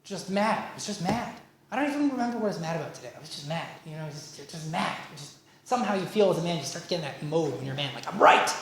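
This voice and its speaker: In a community-centre workshop room, a man leads a relationship workshop, lecturing in a chatty, informal way full of personal anecdotes and asides. He talks fast and animatedly in a fairly high voice, and the recording sounds roomy.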